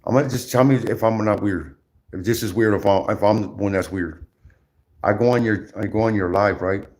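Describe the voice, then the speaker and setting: This lowish, darkish-toned male voice belongs to a livestreamer ranting in a loose, repetitive way. He keeps stopping and restarting, and his talk is heavy with slang and cursing.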